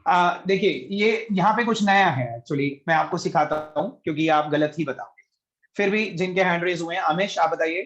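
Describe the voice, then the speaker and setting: A man's voice: sits high, moderate pace, a bit bright, highs cut off. A man teaching a chemistry class online, patiently explaining and calling on students by name, mixing Hindi with English.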